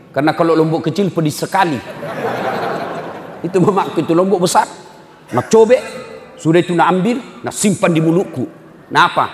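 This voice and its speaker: A man preaching a humorous sermon, joking and acting out family scenes, now and then bursting into shouts. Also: a little high, slight background noise. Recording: echoey hall.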